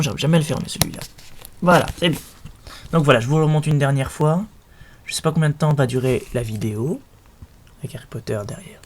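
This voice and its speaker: A man's voice: medium pitch, darkish tone. A young man chatting casually in a home vlog, showing his collection, full of fillers and restarts. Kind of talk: casual show-and-tell vlog. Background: faint noise and clicks.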